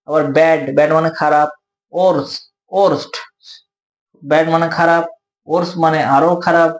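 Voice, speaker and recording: A man's voice: on the high side, echoey room, rough recording. A man with a Bengali accent explaining English grammar, patient and repetitive, asking and answering his own questions. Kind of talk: explanatory lesson.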